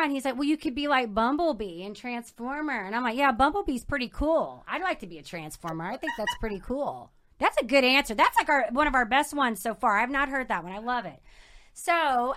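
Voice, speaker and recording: A woman's voice: on the high side, fairly bright tone. A woman hosting a podcast interview, bubbly and enthusiastic, laughing often. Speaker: podcast host. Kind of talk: casual interview chat.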